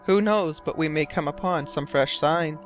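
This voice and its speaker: A man's voice: fairly high pitch, normal speed, faint music behind, close to an everyday voice. A man reading as a grave, determined sea captain. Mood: earnest.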